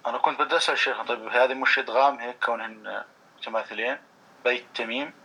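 A man's voice: mid-range voice, steady tone, rapid-fire, sharp tone, low-quality recording. A male student, hesitant and asking follow-up questions.

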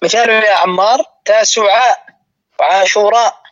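Guy teaching word patterns slow, repeats stuff, kinda muffled audio. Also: sits high, fairly even intonation, fairly bright tone. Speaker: teacher of Arabic morphology. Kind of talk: live online lesson.

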